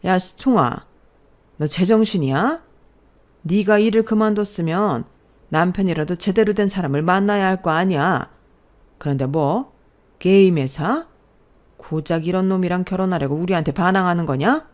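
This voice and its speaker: A woman voicing a stern, angry middle-aged father who scolds loudly. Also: sits low, moderate pace, close to an everyday voice. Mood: scornful. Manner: shouting, scolding.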